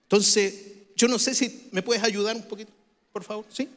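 A man preaching to a congregation in a high voice. He calls on the listeners to repeat key phrases after him. The sound rings with the long echo of a large church hall. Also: fairly even intonation, moderate pace, a bit bright. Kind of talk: sermon. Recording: reverberant hall.

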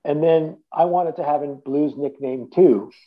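A Boston-area man in his fifties, with a fairly high voice and a measured pace, tells stories as an interview guest. He rambles casually, restarting often and saying "you know" a lot. The line sounds tinny, like a phone.

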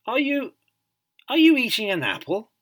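A man voicing a tiny young male officer cadet who talks in a high, startled, stammering way. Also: sing-song, moderate pace, sharp tone, breathy edge, exaggerated voice. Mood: amazed.

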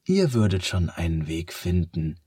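A man voicing a sad, weary sun that talks slowly and sighs, in a children's storybook. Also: low-pitched, sing-song, mellow, breathy edge, no echo, clean studio sound, heavily acted. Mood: downcast, slow. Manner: slow, sighing, downcast.

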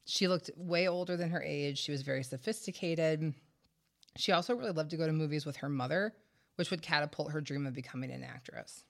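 A woman's voice: sits low, fairly quick, creaky. A woman hosting a true-crime podcast, telling the story conversationally with wry, sarcastic asides, congested and short of breath from a head cold. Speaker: podcast host.

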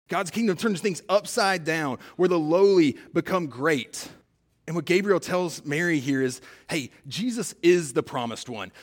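A man preaching a sermon in a conversational way, building to emphatic peaks and dropping to quiet, stressed lines. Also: a little high. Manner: conversational preaching with fillers and paraphrased dialogue. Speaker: pastor.

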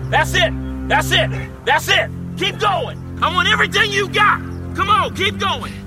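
A relentless football coach. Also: male voice, very high-pitched, moderate pace. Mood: urging, shouting. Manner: drives the player with short repeated commands. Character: demanding, relentless male high school football coach. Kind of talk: film drama acting. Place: outdoors on a football field. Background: film score music.

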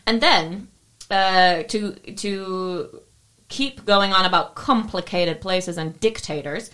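A woman's voice: mid-range voice, a bit bright. Chatty tipsy young woman. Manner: chatty, swears casually, quick to laugh. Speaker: podcast co-host. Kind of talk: casual chat.

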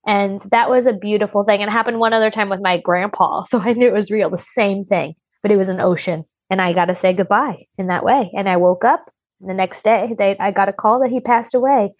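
A woman's voice: mid-range voice, brisk, dry recording, lo-fi sound. A woman guest on a podcast, telling a personal story in a rambling, chatty way with many restarts.

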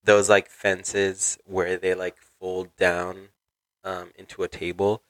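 A man's voice: deep voice, little pitch movement, slow pace, fairly bright tone, no room sound, poor audio. A man talking as a podcast guest in casual chat, rambling and hedging with lots of fillers.

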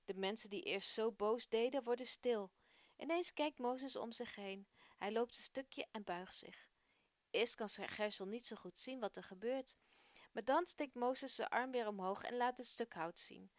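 A woman's voice: a little high, a little slow, no room sound. Woman reading a children's story. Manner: gentle, expressive read-aloud. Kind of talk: storybook narration.

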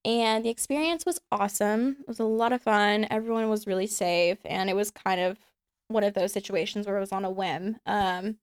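A young woman chatting candidly as a podcast guest, laughing often and filling pauses with ums. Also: mid-range voice, fairly even intonation, smooth, no room sound, clean studio sound. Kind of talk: casual chat.

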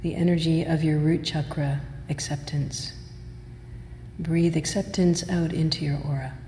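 A woman with a mellow voice leads a guided meditation. She gives measured, soothing instructions and leaves long pauses. The recording has a long hall reverb with faint noise behind it. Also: low voice, fairly even intonation. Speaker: meditation and yoga teacher.

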